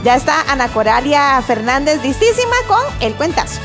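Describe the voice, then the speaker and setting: Tv host lady, high voice, chatty upbeat, faint music. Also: big pitch swings, normal speed. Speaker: TV show host. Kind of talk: TV magazine hosting.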